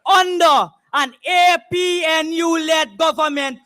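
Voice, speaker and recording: Fiery Guyanese man shouting at a political rally. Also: very high-pitched, fairly even intonation, takes it slowly. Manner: fiery, impassioned, revolutionary call-to-action oratory; shouting much of the time. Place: public political meeting, speaking to a crowd.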